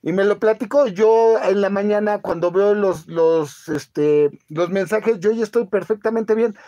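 A man's voice: sits high, mellow, dull audio. Man telling a rambling story. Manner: rambling, halting storyteller with many fillers. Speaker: channel host. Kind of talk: casual live-stream chat.

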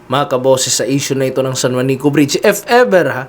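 A man's voice: medium pitch, animated, a little fast. A man hosting political commentary, talking to his listeners directly and tagging his sentences with "no?" and "di ba?". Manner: keeps addressing listeners, heavy "no?" and "di ba?" tags.

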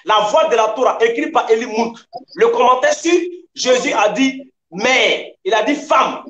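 High-pitched guy debating hard, keeps hammering the same point, roomy echo on his mic. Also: a little slow, sharp tone. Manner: insistent, repeats points, lecturing tone. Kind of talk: heated online debate.

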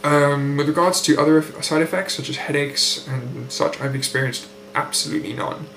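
Talking a little high and nasally because his nose is blocked after surgery, a young British man keeps a recovery video diary in an articulate, precise, unhurried manner. A built-in webcam mic frames him closely in a room at home by a window, and the recording is echoey with a faint hum.

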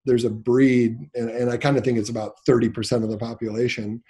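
A man's voice: medium pitch, brisk, breathy edge. A man from Nebraska, a business owner, talking in a casual interview and telling a personal story, acting out the dialogue as he goes. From Nebraska, USA. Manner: animated storyteller, acts out quoted dialogue.

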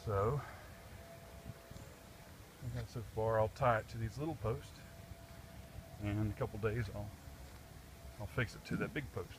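Speaking a little slowly in a low voice and pausing often, a DIY vlogger narrates his fence job in a wooded backyard, with slight background noise. He talks plainly and practically into a handheld camera mic, dropping in fillers as he thinks things through.

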